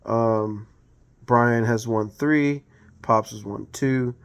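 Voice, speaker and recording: A man talks through a sports league recap in a loose, off-the-cuff way, his voice smooth and resonant. He fills gaps with ums and uhs and keeps backing up to fix what he just said. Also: medium pitch, drawn-out words. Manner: rambling, full of ums and uhs, self-correcting. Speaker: fantasy football league recap host. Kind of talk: casual unscripted sports recap.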